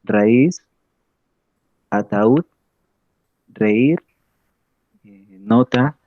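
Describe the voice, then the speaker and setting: A man's voice: medium pitch, drawn-out words, dry recording. A male student on a video call, reading a slide aloud hesitantly, stopping and restarting words. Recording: tinny dry call audio.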